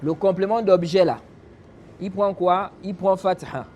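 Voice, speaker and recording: A man's voice: high voice, a little slow, darkish tone, muffled recording, slight background noise. A man giving a religious lesson in French. He explains a classical text, keeps asking rhetorical questions and answering them himself, and recites Arabic phrases along the way. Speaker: religious teacher.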